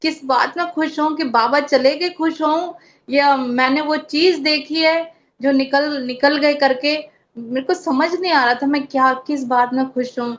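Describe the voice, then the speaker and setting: A woman with a somewhat high voice shares a heartfelt personal spiritual story, repeating devotional chants as she tells it. Her voice comes through a dull, lo-fi recording. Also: measured pace. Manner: emotional, repeats chants aloud. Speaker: devotee sharing a spiritual experience. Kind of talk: personal testimony.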